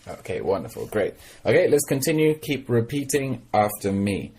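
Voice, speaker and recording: A man's voice: medium pitch, big pitch swings, darkish tone, a little hiss or hum. A man teaching English vocabulary, leading repeat-after-me drills, checking in often with "okay?" and adding short explanations in Mandarin. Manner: slow, patient delivery with frequent "okay?" checks; mixes in brief Mandarin explanations.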